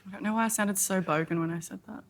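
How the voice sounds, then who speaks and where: A woman's voice: medium pitch, fairly even intonation, fast talker. Broad Australian woman, casual podcast banter. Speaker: podcast co-host.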